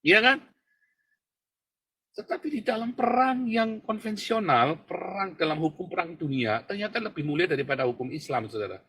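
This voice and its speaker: A male pastor giving a provocative, mocking sermon. He keeps turning to address his listeners directly and jumps from loud outbursts to low murmurs. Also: expressive, normal speed, breathy edge. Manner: constantly addresses listeners as brothers; leaps between shouting and low murmurs.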